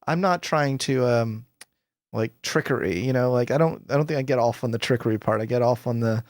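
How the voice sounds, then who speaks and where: A guest psychologist in his forties chats in a casual interview from a home room with bookshelves, wearing headphones with a boom microphone. His mid-range voice is a little fast, animated and enthusiastic, full of fillers and laughter. The sound is studio quality with no room sound.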